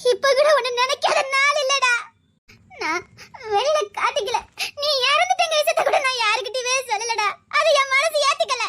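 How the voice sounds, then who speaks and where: Woman playing a sobbing, very high-voiced reunited aunt. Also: moderate pace, pushed and bright. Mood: crying reproach. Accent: Tirunelveli Tamil. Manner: sobbing, pleading, half laughing through tears. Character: tearful woman reunited with a lost boy she raised. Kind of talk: Tamil web drama acting.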